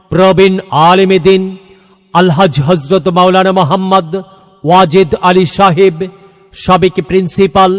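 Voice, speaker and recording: A man reading a scripted promotional announcement in a formal, declamatory, phrase-by-phrase delivery that edges into chanting. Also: sits high. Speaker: announcer of a religious gathering advertisement. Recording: long hall reverb, music behind. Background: music.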